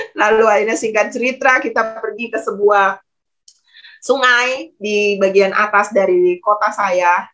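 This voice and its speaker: A woman's voice: mid-range voice, a bit bright. A woman pastor giving a testimony sermon in a conversational storytelling manner, often addressing the congregation directly.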